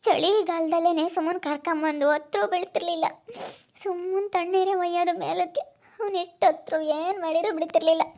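A woman's voice: extremely high pitch, a little mellow. Woman playing a tearful accusing elder sister. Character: grieving young woman, motherless elder sister. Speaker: village family drama actress. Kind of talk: emotional rural family drama.

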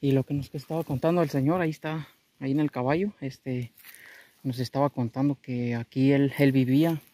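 A man's voice: medium pitch, fairly even intonation, brisk, dark tone, dry recording. A man narrating his metal detecting outing outdoors in a casual, chatty way, calling his viewers companions and using lots of fillers. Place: outdoors in a rural field.

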